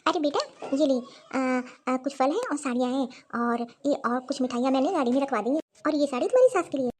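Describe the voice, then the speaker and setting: Woman voicing a gentle older mother, cartoon, high voice, soft, accommodating. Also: a little fast, lightly acted.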